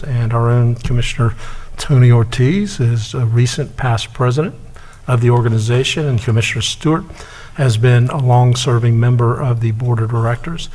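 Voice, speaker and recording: This man is the mayor, leading a council meeting with measured formal remarks broken up by pauses and filler words. He has a medium-pitched voice with a darkish tone.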